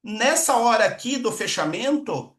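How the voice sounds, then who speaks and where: A man giving a lively, colloquial sales training talk and acting out conversations with customers. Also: very high voice, measured pace, far from the mic. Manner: animated, colloquial, acts out customer dialogue. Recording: echoey room, speaker away from the mic.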